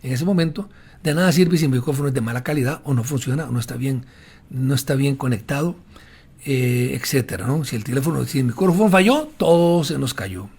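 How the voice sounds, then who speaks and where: A man gives an instructional lecture to fellow pastors on using the voice in preaching, offering direct, didactic advice with frequent fillers, and drinks water while he talks. His medium-pitched voice is gravelly, slightly rough and a little mellow, and he speaks a little fast.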